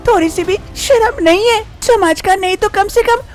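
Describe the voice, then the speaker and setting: A woman playing a high-voiced young daughter-in-law. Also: moderate pace, soft background music. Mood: shocked. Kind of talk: animated drama voice acting.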